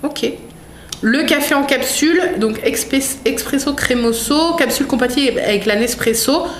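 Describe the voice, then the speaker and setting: Woman vlogger rambling through an unboxing, reads labels out, slightly high voice, roomy echo, bit of hiss. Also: moderate pace. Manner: chatty, many fillers, reads product labels aloud. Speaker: vlogger unboxing a food box. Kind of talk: casual chat, reading labels aloud. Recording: echoey room with faint noise.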